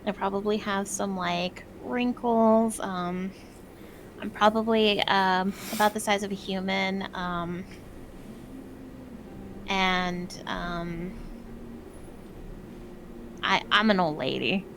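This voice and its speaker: A woman's voice: mid-range voice, fairly even intonation, slow, long pauses, noisy background. A woman playing a tabletop game, chatting casually and hesitantly as she thinks aloud. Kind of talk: casual improvised game chat. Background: music.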